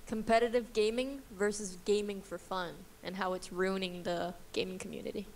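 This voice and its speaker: A woman's voice: mid-range voice, steady tone, moderate pace, a little hiss or hum. A woman co-hosting a casual podcast, giving brief upbeat replies. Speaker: podcast co-host. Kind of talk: casual chat.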